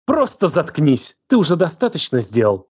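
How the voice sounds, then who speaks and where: A man voicing a distraught young woman who raised the man she now accuses, her voice trembling, shouting and hissing. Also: mid-range voice, expressive, normal speed, slightly rough, no echo, clean studio sound. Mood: furious. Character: distraught furious young woman, betrayed guardian.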